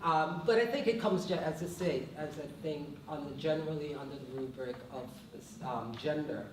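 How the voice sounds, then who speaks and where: A Guyanese-accented woman professor speaks thoughtfully as a panelist in a panel discussion, often adding "right?". Her voice is deep and at normal speed, picked up by a distant mic in a very echoey room with a little hiss or hum.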